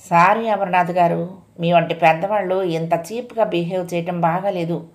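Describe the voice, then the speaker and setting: A woman voicing a calm, firm police inspector who speaks reproachfully, in a read-aloud story. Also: lowish voice, moderate pace, natural voice. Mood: stern.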